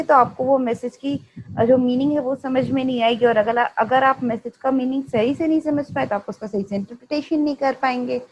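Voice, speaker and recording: A woman's voice: sits high, a little hiss or hum, rough recording. A woman with an Indian accent giving an explanatory lecture, mixing in English terms and often checking in with "right?".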